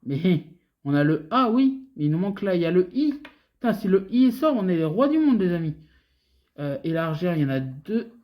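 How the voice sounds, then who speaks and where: A woman's voice: on the low side, sing-song, moderate pace, highs cut off. A woman with a French accent from France, hosting a scratch-card video and chatting casually to her viewers as she goes. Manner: chatty, talks to viewers, repeats letters in sing-song runs. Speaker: host scratching lottery tickets. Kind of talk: casual play-by-play commentary.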